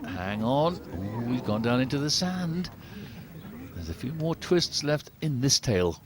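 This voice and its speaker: A man giving live golf commentary as the lead commentator, in a measured, understated, conversational way. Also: mid-range voice, sing-song, slight background noise.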